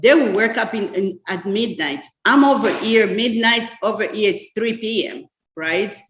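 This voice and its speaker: A middle-aged woman speaks as an interview guest, explaining her work earnestly with everyday examples. Her voice sits at an ordinary pitch. The room is echoey and the call audio is dull. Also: expressive, normal speed, fairly bright tone. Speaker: business consultant guest. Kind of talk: casual interview chat.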